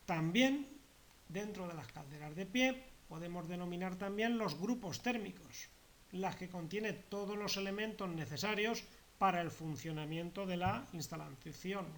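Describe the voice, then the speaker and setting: A man lectures on a technical subject at a methodical pace. He often repeats himself and rephrases terms. His voice sits a little high for a man. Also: normal speed, a bit bright, slight background noise. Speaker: heating course instructor.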